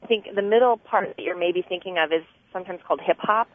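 A woman's voice: lowish voice, fast talker. A woman calling into a radio show from her car over a clipped phone line, explaining things earnestly with fillers and restarts. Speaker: caller. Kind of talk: call-in radio chat. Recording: tinny dry phone line.

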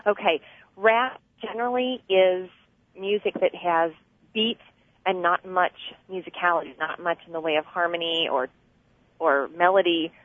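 A woman's voice: fairly low pitch, normal speed, no room sound. A woman calling into a radio show from her car over a clipped phone line, explaining things earnestly with fillers and restarts. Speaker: caller. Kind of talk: call-in radio chat. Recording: tinny dry phone line.

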